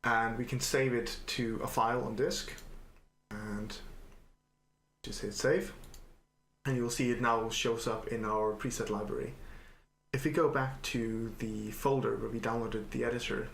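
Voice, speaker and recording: A man calmly and methodically walking through a software tutorial he made, with the odd filler "uh". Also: medium pitch, measured pace, vocal fry. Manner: calm, methodical explaining with filler uhs. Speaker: software developer demonstrating his editor. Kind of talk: screen-recorded software tutorial. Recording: echoey room, faint noise.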